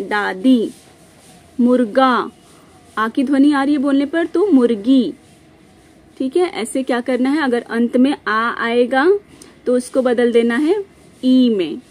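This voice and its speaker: High-voiced woman teaching grammar. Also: a little mellow. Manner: explains slowly, repeats each rule and example. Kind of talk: grammar lesson reading from notes.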